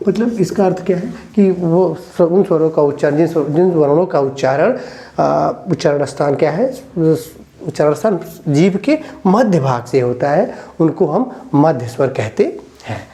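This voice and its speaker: A man's voice: fairly high pitch, lively intonation, warm tone. A male teacher giving a grammar lesson, explaining step by step, repeating phrases and asking questions as he goes. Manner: slow, repetitive, explains step by step with pauses and questions. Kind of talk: spoken Hindi grammar lesson.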